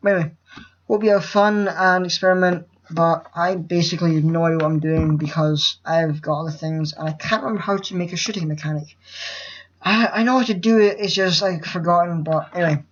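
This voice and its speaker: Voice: medium pitch, a little fast, highs cut off. A nervous first-time tutorial maker who rambles, trips over words and swears casually while explaining a screen recording. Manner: nervous, rambling and self-interrupting. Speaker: game-making tutorial host.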